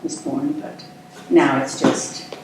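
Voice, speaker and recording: An older Scottish-born actress with a deep voice reflects on her life as a guest in a casual, conversational interview. She is relaxed and thoughtful, hesitating and pausing often as she answers. The room is echoey, with a distant mic and faint noise.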